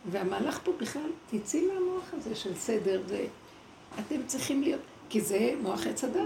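Woman, spiritual storytelling, acts out quoted voices, roomy echo, clear background ambience. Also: medium pitch, mellow, slight background noise. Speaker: speaker at a spiritual gathering. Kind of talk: spiritual talk with personal storytelling. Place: evening gathering indoors.

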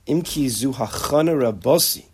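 A man's voice: medium pitch, normal speed, a little hiss or hum. A man teaching a conversational lecture on character traits, acting out bits of dialogue and often restarting his sentences. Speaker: Torah teacher.

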